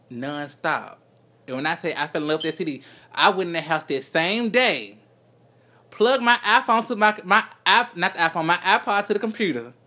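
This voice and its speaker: A man's voice: a little high, bright, forceful tone. A man in his twenties co-hosting a podcast, telling emphatic, profane stories in casual chat about music. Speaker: podcast co-host.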